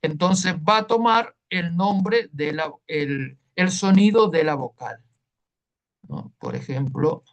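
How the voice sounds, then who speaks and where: A man's voice: high voice, slow, dull audio. A man teaching a Hebrew class online, explaining patiently and checking in with listeners as he goes.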